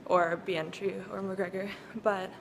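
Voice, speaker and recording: A woman's voice: medium pitch, measured pace, slight background noise. Young woman vlogging on the move. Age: young adult. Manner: casual, lively, fillers. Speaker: student vlogger. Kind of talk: casual vlog narration.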